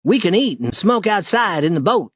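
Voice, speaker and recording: A man voicing an eager, bold boy who leads an adventure in a storybook reading, in a lively and urgent manner. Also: high-pitched, moderate pace, slightly rough, no room sound, pitched above the performer's own voice, exaggerated voice. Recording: dull dry lo-fi recording.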